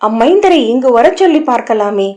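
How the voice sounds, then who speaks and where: A woman's voice: a little high, animated, moderate pace, a little mellow, natural voice. A woman reading the lines of a shrewd female confidante in an audiobook, asking probing questions.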